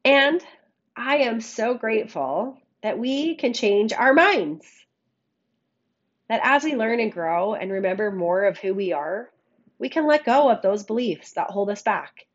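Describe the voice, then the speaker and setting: A woman podcast host with a scratchy frog voice, hoarse from a cold, giving a reflective monologue and addressing listeners affectionately on a makeshift microphone. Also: on the high side, lively intonation, unhurried, highs cut off. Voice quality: scratchy, froggy voice. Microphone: makeshift microphone, not a studio one.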